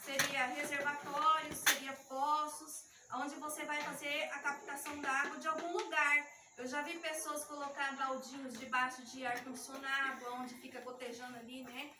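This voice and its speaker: In a youth ministry lesson built around a live demonstration, a woman explains each step to her audience, her nerves audible as a shakiness in her voice. Her pitch sits high and level, and she talks at a normal speed with hardly any pauses. The echoey room is recorded from a distance, with a noisy background.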